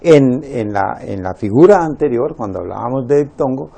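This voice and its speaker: A man teaching a Spanish lesson, slowly spelling out words syllable by syllable and counting them. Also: mid-range voice, expressive, gravelly, dark tone. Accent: Latin American Spanish.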